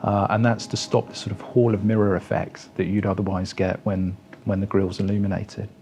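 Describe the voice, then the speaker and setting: A man giving a product walkaround as a company presenter, speaking in a measured, explanatory way. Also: fairly low pitch, little pitch movement.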